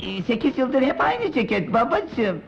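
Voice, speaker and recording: A man's voice: very high voice, sing-song, normal speed, vocal fry, fairly bright tone, heavily acted. An actor playing a timid grown son meekly pleading with his father for money. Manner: meek and pleading. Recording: dull old film soundtrack with music.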